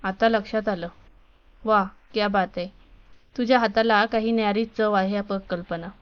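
A woman's voice: medium pitch, steady tone, normal speed, smooth, close to an everyday voice. A woman voicing an older storybook father. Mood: affectionate. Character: fond older father, teasing then stern. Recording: dull lo-fi recording.

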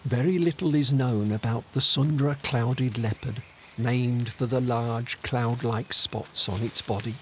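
A man reading scripted nature documentary narration in a measured storytelling manner. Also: mid-range voice, fairly even intonation, a little hiss or hum. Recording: music under the voice. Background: background music.

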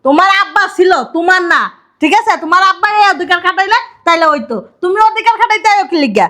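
An actress playing a sharp-tongued middle-aged stepmother who scolds sarcastically. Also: very high-pitched, lively intonation, heavily acted. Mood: scolding. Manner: scolding, sarcastic, rapid retorts.

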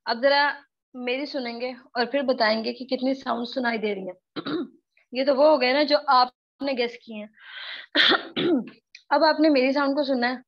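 A woman from Pakistan teaching a live online spoken English class, her voice hoarse and worn out, quizzing students and repeating her questions. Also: high voice, dull audio. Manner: questions students often, repeats herself, slow drawn-out example words.

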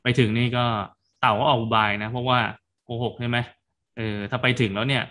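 A man, a Buddhist monk, retelling a folk tale in a sermon, chatty and casual, softening his sentences with particles. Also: medium pitch, little pitch movement, brisk. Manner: casual storytelling, tags sentences with soft particles.

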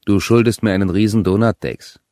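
A man's voice: on the low side, steady tone, fairly quick, dark tone, dry recording, voice pushed up, natural voice. Smug leering lab guy with a fake grin, as a male reader does him, dry sound.

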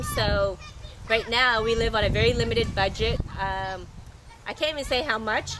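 Middle-aged woman, sailing vlogger, scratchy voice, higher register, easygoing and rambling. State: scratchy, recovering from losing her voice. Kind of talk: casual unscripted monologue to camera.

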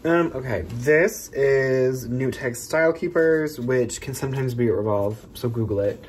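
A man's voice: mid-range voice, moderate pace, darkish tone, slight background noise. A man in his twenties with an American accent, co-hosting in casual chat and speaking toothless, without his teeth in. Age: 20s. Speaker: co-host. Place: small plain room indoors.

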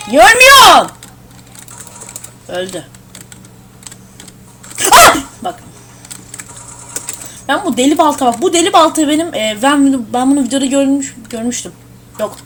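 A young woman giving casual gameplay commentary at her home computer, excitable and swearing at the game. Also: high voice, normal speed, long pauses, a little hiss or hum. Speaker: gamer streaming a shooter.

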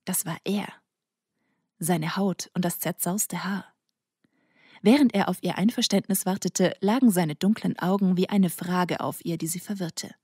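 A woman reading an audiobook in a soft, intimate narration that sometimes falls to a near whisper. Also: on the low side, measured pace, slightly rough, no room sound, clean studio sound. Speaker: audiobook reader. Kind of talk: scripted narration.

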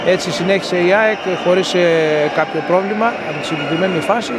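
Outside a stadium at night, a middle-aged sports reporter with a high voice gives a steady, matter-of-fact postgame match report full of hesitation fillers. He films himself selfie-style on a phone, using an in-ear earphone mic. Loud urban outdoor noise fills the recording.

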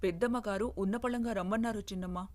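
A woman voicing a nervous household maid in a storybook tale, speaking in a hurried, anxious way. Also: mid-range voice, steady tone, darkish tone, close to an everyday voice. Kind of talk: storybook narration.

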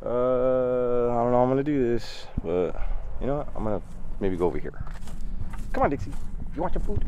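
A man's voice: mid-range voice, a little mellow, a little hiss or hum. A man in his thirties from the United States, chatting casually in a vlog while tending animals in a farm paddock, filmed on a handheld camera at arm's length. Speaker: vlogger.

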